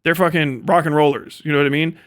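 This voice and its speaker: Talking fast in a smooth voice on the high side, this livestream host rambles off the cuff, blunt, profane and full of slang. He's animated and keeps slipping into acted-out imagined dialogue.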